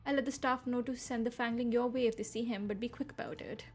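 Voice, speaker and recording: A woman's voice: a little high, fairly even intonation, fast talker. Woman reading as a sly vampire club owner. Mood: businesslike.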